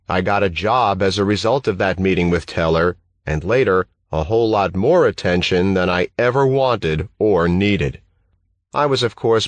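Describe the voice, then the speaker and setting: A man reading a first-person audiobook in a steady, measured way. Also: lowish voice, no echo. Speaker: audiobook narrator.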